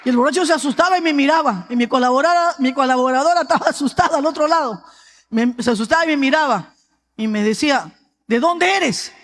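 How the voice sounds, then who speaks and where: A woman pastor with a Peruvian accent, giving a sermon with personal testimony in a lively storytelling way and often addressing the congregation as brother. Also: high-pitched, quick pace, a faint crowd. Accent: Peruvian Spanish. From Peru. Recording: long hall reverb.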